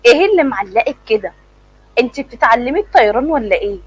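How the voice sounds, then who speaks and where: A woman's voice: fairly high pitch, sing-song, very fast, breathy edge, poor audio. A woman voicing a dazed older mother-in-law, confused and urgent.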